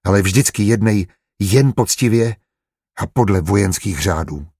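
Storybook role: measured middle-aged official, low, husky, dry, read by a man. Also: lively intonation, no room sound, full character voice. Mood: stern. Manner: gentle, measured.

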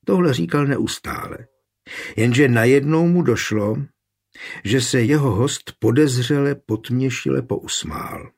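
A man narrating a historical novel in a measured, storytelling way. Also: mid-range voice, vocal fry, a little mellow. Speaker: audiobook narrator. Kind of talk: scripted narration.

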